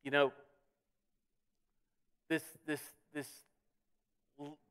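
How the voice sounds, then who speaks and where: A man's voice: fairly high pitch, level tone, drawn-out words, a bit bright, clean tone. A pastor preaching a sermon in church, earnest, often repeating words as he builds to his points. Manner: earnest preaching with frequent word repeats, swelling on key words. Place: church sanctuary.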